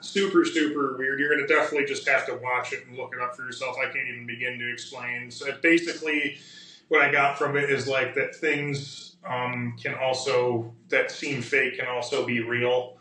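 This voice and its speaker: A man's voice: medium pitch, steady tone, moderate pace, pushed and bright, slight background noise. A man co-hosting a podcast, chatting casually and rambling with lots of fillers and restarts, his voice a little worn. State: slightly losing his voice. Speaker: podcast co-host. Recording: echoey room, distant from the mic.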